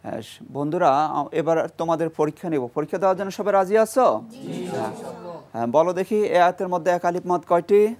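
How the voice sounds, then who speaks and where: Over music, a Quran reading teacher speaks briskly and expressively in a mid-range voice. Leading a call-and-response TV lesson with a studio class, he quizzes students, gets them reciting as a group, and praises their answers amid their chanting.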